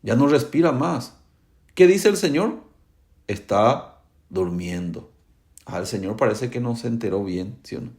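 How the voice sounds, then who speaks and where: A middle-aged male pastor preaching a sermon, asking the congregation to answer back and acting out the quoted dialogue with big swings in pitch. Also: moderate pace, a little mellow.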